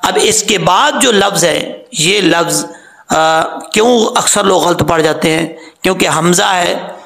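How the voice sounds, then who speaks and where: High, gravelly male Quran teacher. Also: a bit bright, echoey room. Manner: explains slowly, then stretches out sounds to model pronunciation. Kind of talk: tajweed lesson.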